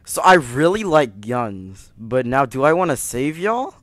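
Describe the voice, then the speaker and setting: A man chatting casually while playing an online game, joking and breaking into loud playful outbursts. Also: mid-range voice, very animated, measured pace, no room sound, clean studio sound. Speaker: gameplay streamer.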